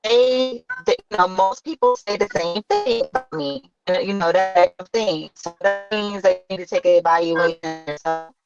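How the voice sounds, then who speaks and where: A woman on a glitchy video call, her audio breaking up and cutting out as she speaks in halting, restarting bursts during a casual panel discussion. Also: mid-range voice, gravelly. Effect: video call audio breaking up and dropping out. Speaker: panel guest. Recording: lo-fi call audio, music faint behind.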